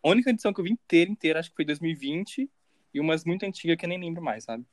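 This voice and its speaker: A man's voice: on the high side, animated, rapid-fire, no room sound. A young Brazilian man with a Brazilian Portuguese accent, co-hosting a podcast in casual, jokey chat and laughing often. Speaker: podcast co-host.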